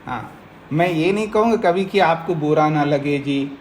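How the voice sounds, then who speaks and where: A male teacher lectures on a philosophy text. His voice sits a touch high for a man, and he works through each point patiently, stopping to check that the class follows. A faint hiss runs under the talk. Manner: explains slowly, keeps checking the listeners follow. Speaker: teacher of Nyaya philosophy, swami. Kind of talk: Hindi scripture lecture to a class.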